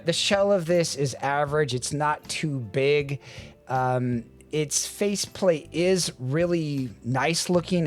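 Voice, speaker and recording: A man giving a casual, wry product review with frequent restarts. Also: on the high side. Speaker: audio gear reviewer.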